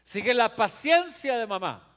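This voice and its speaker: High-voiced man preaching in a hall. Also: expressive, measured pace, a bit bright. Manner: emphatic, repetitive preaching with homely examples. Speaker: pastor. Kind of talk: sermon.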